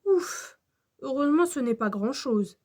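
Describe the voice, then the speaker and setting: A woman storyteller reading a children's storybook aloud in a slow, gentle manner. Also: high voice, lively intonation.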